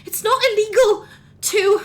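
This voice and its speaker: A woman's voice: extremely high pitch, fairly even intonation, unhurried, voice pushed up. A woman voicing a nervous young changeling boy who pleads and stammers. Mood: anxious pleading.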